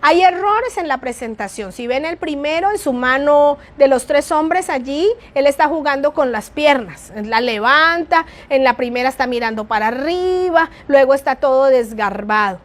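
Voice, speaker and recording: A middle-aged woman with a naturally soft voice, teaching an online church class and shifting her tone and volume for emphasis. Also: high voice. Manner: varies tone and volume for emphasis, addresses listener as "mi amado".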